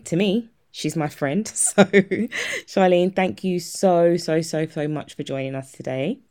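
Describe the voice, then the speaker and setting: A woman's voice: low-pitched, darkish tone. A woman hosting an interview, introducing her guest and friend, laughing often. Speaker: host. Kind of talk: reading an introduction, then casual interview.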